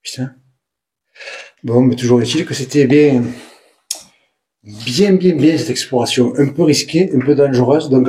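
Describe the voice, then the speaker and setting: A man with a southern French Provençal accent, vlogging as he explores the ruins of an abandoned building. He talks excitably, repeats words and drops to hushed mutters. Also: mid-range voice. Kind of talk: exploring and narrating to camera.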